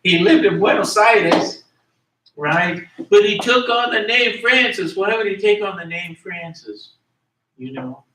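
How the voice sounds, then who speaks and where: A man's voice: sits high, lively intonation, measured pace, a bit bright, reverberant, a little hiss or hum. A man teaching a class in a conversational way, asking his students questions and repeating key words, recorded in a classroom from far off. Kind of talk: classroom lecture.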